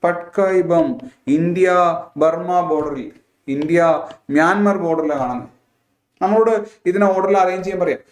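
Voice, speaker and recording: A man with a Malayali accent gives an exam-prep lesson in a somewhat high voice. He keeps asking quiz questions and checking that his listeners follow. The sound is roomy, with a noticeable echo. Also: moderate pace, pauses often. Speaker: teacher.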